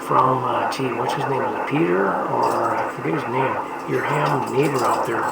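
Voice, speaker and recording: A man's voice: medium pitch, normal speed, creaky. An older man in rambling, folksy casual chat over a ham radio link, with many fillers. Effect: heard over a ham radio link. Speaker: amateur radio operator. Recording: noisy distant radio signal.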